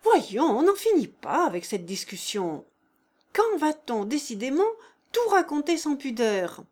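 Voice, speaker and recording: A woman putting on an excitable hysterical dead lady. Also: unhurried. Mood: impatient. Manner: shrill, eager exclamations.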